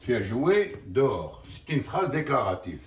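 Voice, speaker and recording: Slow, lively-voiced French teacher. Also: male voice, mid-range voice. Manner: slow, explanatory, repeats "bien sûr" often. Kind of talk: classroom grammar lesson. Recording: roomy, from far off the mic.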